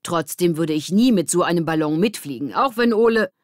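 A woman's voice: fairly low pitch, animated, fairly quick, dry recording, clean studio sound, lightly acted. A woman reading an audiobook and voicing an earnest know-it-all schoolboy who explains things precisely. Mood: lecturing.

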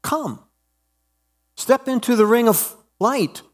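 A preacher voicing a calm, gentle stranger who speaks softly and slowly as a reassuring fire builder. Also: male voice, very high-pitched, voice pushed up, exaggerated voice. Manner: soft, slow and reassuring. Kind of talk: sermon storytelling.

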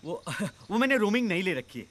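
An actor playing a cheerful, naive tax clerk stranded outdoors on an island, who rambles politely and talks on and on. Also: male voice, sits high, very animated, brisk, a bit bright. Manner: talkative, polite, rambling, giggles. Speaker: simple-minded tax clerk.

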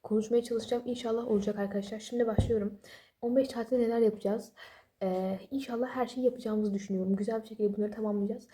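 Young woman vlogger, very dark mellow tone, quick chatty delivery, sleepy late-night talk without a proper mic. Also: on the high side, fairly even intonation. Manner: rambling, apologetic, chatty with self-deprecating jokes. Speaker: study vlogger. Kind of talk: casual late-night study advice. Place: home at night while family sleeps. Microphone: no external microphone.

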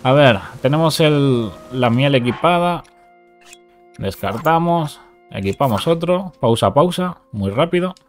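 A gaming YouTuber narrates a game glitch in casual tutorial commentary, speaking a little slowly with a medium pitch and lively intonation. He talks through the steps and repeats short commands, with faint music behind him.

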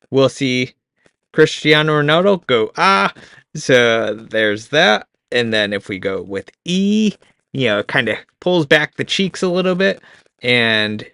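A man hosting a casual software tutorial, talking in a relaxed way with frequent chuckles and fillers. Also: medium pitch, clean tone, dry recording, clean studio sound. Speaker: tutorial host.

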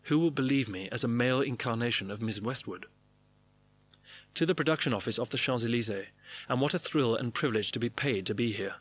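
Guy reading his diary out loud, dry and wry, short clipped bits. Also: mid-range voice, brisk, slightly rough, no echo. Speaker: narrator reading his diaries. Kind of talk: scripted memoir narration.

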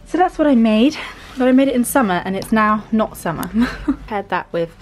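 A woman's voice: on the high side, animated, a little mellow, a little hiss or hum. Chatty young woman vlogging. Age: 20s. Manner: chatty and upbeat, quick laughs, many fillers. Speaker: vlogger and fashion student. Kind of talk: casual vlog chat to camera. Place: student bedroom, indoors.

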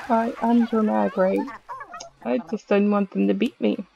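A woman's voice: medium pitch, creaky, warm tone, rough recording. A young woman commentating her own video game play in a playful, dramatic way, with chants and squeals. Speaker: gaming video host.

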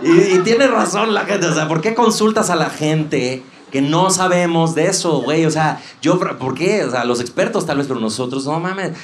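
A young Mexican man doing live stand-up comedy, crude and mocking, shouting punchlines to a laughing crowd on a club stage. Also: a little high, normal speed, reverberant, a little hiss or hum.

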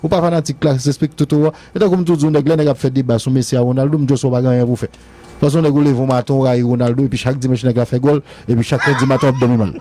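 A man's voice: medium pitch, fairly even intonation, quick pace, dark tone, a little hiss or hum. A man with a Haitian accent rambling through a casual radio-show debate about music, repeating his phrases and laughing often. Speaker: music commentator.

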